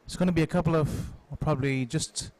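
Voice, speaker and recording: A man giving live cricket commentary in a measured, analytical manner. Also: on the high side, a little mellow.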